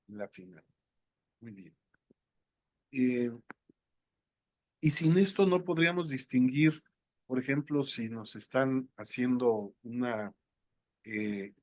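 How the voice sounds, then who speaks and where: Male instructor; slow, halting lecture delivery, dry close mic. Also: mid-range voice, no echo. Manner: unhurried, thinking aloud with many fillers. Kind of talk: online lecture.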